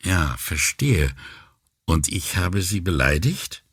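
A man reading an audiobook voices a reserved, wary male agent who speaks quietly and carefully. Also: low-pitched, very animated, slow pace, slightly rough, no echo, studio quality, exaggerated voice. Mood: guarded. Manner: guarded, quiet. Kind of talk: audiobook character voice.

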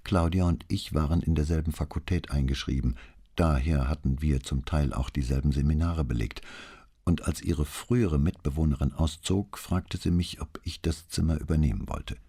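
A male reader voicing a quiet, grieving young female student who answers softly and hesitantly. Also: rumbling low, moderate pace, breathy edge, heavily acted. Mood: subdued. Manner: soft, barely audible, hesitant.

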